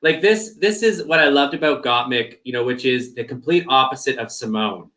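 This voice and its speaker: A man co-hosting a casual review chat, hedging and thoughtful, whose voice is going hoarse with frequent throat-clearing. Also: medium pitch, normal speed, pushed and bright. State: losing his voice, throat-clearing. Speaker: co-host.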